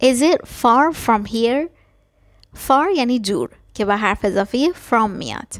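A woman teaching a language lesson, explaining quickly and then repeating short phrases slowly and carefully. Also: a little high, animated, dry recording, studio quality. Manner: switches between fast explanations and slow, careful repetitions. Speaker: English teacher.

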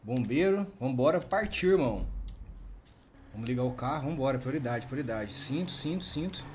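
A man with a Brazilian Portuguese accent playing a firefighter medic in a game roleplay, urgent and commanding, counting out loud as he works. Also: mid-range voice, lively intonation, moderate pace, slight background noise. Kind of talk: game roleplay over voice chat.

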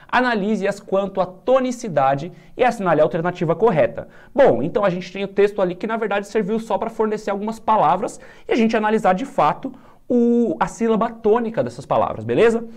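A young man teaching in a relaxed, chatty way as he works through an exam. His delivery is upbeat, and he stretches out key words slowly when he stops to explain them. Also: sits high. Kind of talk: casual exam walkthrough lesson.

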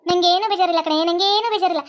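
A woman's voice: very high voice, fairly even intonation, very fast. A woman voicing a quarrelsome village woman with a North Karnataka accent, taunting a rival in a cartoon comedy. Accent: North Karnataka Kannada. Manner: taunting, mocking.

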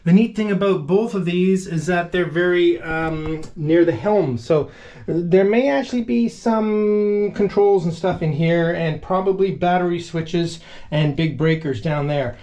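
Inside a wooden boat cabin, a middle-aged man with a high, mellow voice talks a little slowly through the dull audio. He narrates his wooden boat restoration casually as he works, enthusiastic and chatty, with fillers and laughs.

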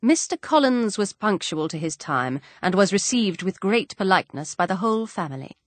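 Woman reading an audiobook, really lively pitch, dry close mic. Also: moderate pace, no echo. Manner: expressive storytelling read. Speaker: audiobook narrator. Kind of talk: scripted audiobook narration.

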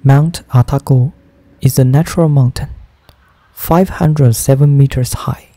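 Speaking slowly and deliberately in learner's English, this Japanese travel vlogger narrates against gentle background music. The tone stays steady, deep and dark, mellow but edged with gravel.

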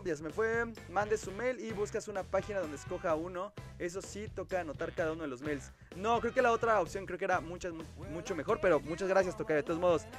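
High-voiced Mexican man hosting a livestream. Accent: Mexican Spanish. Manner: chatty, reads viewer comments aloud and replies. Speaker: livestream host. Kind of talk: casual livestream chat.

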